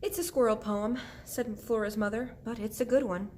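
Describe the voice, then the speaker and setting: A woman's voice: a little high, steady tone, moderate pace, darkish tone, a little hiss or hum, lightly acted. A woman reading the part of an anxious, tearful mother in a storybook, her voice raised and pleading. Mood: flustered. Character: distraught anxious mother, middle-aged woman.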